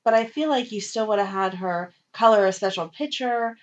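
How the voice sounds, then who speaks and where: A woman's voice: mid-range voice, expressive. Chatty woman podcast co-host, dull audio. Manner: chatty, opinionated, acts out characters' lines in quick asides. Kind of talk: casual chat.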